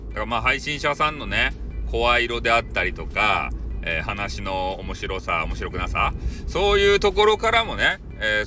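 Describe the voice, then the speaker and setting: A man's voice: medium pitch, bright, forceful tone. A man with a Hakata dialect, chatting casually and jokingly as the host of a solo podcast. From Fukuoka, Japan. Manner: chatty, jokey, mixes dialect into polite speech.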